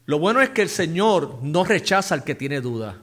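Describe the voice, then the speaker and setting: A man preaching a sermon as pastor, emphatic, asking the congregation questions and dropping to hushed low phrases between loud stresses. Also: sing-song, normal speed.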